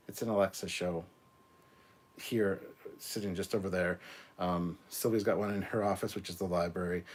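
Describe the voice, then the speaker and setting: A man in his forties with a very low, husky voice hosts a live stream. He rambles along in a relaxed way, answering viewer comments with plenty of ums and half-finished restarts. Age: 40s.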